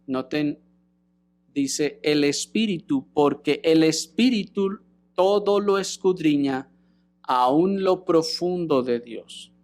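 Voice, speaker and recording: A man's voice: on the high side, animated, slow pace, darkish tone. A man preaching a sermon, teaching and putting rhetorical questions to the congregation. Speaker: pastor.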